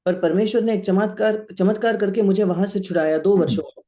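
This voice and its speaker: Male sermon interpreter, high-pitched, mellow tone, steady line-by-line delivery. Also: fast.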